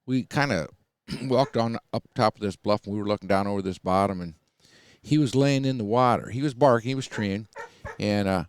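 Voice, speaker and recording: Dude rambling on about his hunting dogs, folksy, lots of uh and and, smooth lowish voice, dry mic. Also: a little fast. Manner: folksy, rambling with many fillers. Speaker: coonhound kennel owner. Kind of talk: casual storytelling. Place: podcast recording session.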